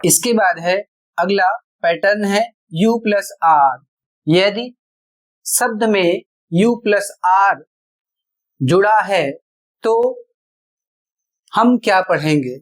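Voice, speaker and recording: This teacher takes it slowly, with long pauses, in a mid-range voice. In a spoken, classroom-style lesson on pronunciation, the teacher spells words out letter by letter and explains each rule step by step, using rhetorical questions.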